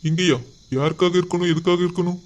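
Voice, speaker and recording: A man's voice: high voice, flat delivery, fast, natural voice. A man voicing a heartbroken young man in love, subdued and resigned. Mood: sad.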